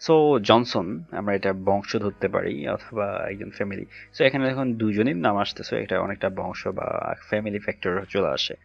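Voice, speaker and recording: A man's voice: fairly low pitch, moderate pace, creaky, few pauses. A man from Bangladesh teaching an online English lesson, reading out word lists with many fillers. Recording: dull lo-fi recording with faint music.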